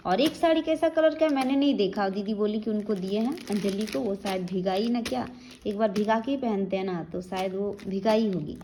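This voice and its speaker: A woman's voice: mid-range voice, moderate pace, dark tone, roomy sound, slight background noise. A young woman chatting casually to her viewers in a rambling family vlog at home. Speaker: family vlogger.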